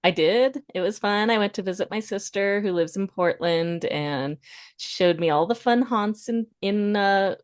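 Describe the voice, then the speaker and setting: A woman's voice: medium pitch, normal speed, no echo, clean studio sound. A woman in her fifties co-hosting a podcast, chatting casually and laughing often. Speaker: podcast co-host. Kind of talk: casual chat.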